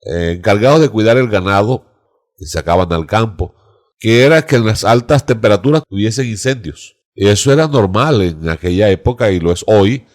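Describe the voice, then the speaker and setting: Pastor type, male, fairly low voice, devout and reflective. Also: animated, normal speed, darkish tone. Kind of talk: Bible study discussion.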